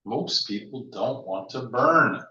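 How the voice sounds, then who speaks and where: A man's voice: mid-range voice, lively intonation, slow, bright, forceful tone. A man in casual conversation, musing with a wry, teasing manner and many restarts. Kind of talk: casual reflective chat. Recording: roomy, slightly dull audio.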